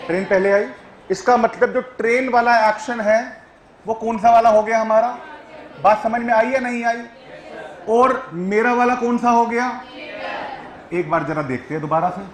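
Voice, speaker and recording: A man's voice: very high-pitched, normal speed, roomy sound, poor audio. A male teacher giving a classroom grammar lecture, who keeps checking whether his students follow and coaxes them along.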